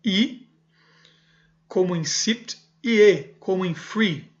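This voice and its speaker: A man's voice: high voice, slow, highs cut off. A man giving a video lesson, reading a book passage by passage and explaining it, often adding "certo?" and correcting himself aloud. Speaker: music teacher.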